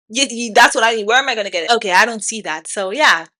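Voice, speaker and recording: Blunt bright-voiced woman in her twenties. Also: fairly high pitch, expressive, fast. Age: 20s. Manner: blunt, laughs often, rhetorical questions. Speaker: podcast host. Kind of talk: casual opinion monologue. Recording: odd-sounding mic.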